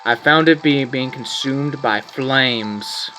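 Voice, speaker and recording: A man's voice: mid-range voice, slow pace, sharp tone, soft background music. A man playing a story game, reading its text aloud in a casual way, often repeating words, and chatting between the lines. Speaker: gameplay streamer.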